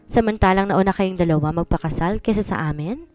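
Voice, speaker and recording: A woman's voice: medium pitch, a little fast, a little mellow, faint music behind, close to an everyday voice. A woman voicing a jovial young husband who jokes casually with his friends in a storybook reading. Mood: joking. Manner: joking, casual banter.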